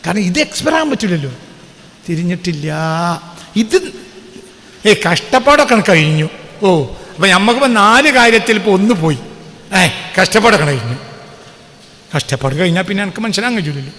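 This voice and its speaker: Preacher, male, high and gravelly, reverberant hall sound. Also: expressive, sharp tone. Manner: rhetorical questions to the audience, chants Arabic verses slowly. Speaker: Islamic preacher. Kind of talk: sermon class.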